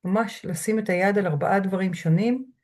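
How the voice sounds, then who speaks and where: A woman lecturer speaking from home through a computer mic, guiding listeners through a grounding exercise in a slow, measured way with soft pauses. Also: mid-range voice. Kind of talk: calm guided lecture. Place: home room.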